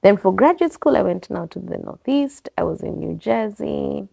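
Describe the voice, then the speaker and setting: In her bookstore and coffee bar, a Kenyan bookstore owner gives a casual interview, musing in a rambling way that drifts and corrects itself. Her medium-pitched voice is expressive, dark, slightly rough and touched with vocal fry, at a normal speed.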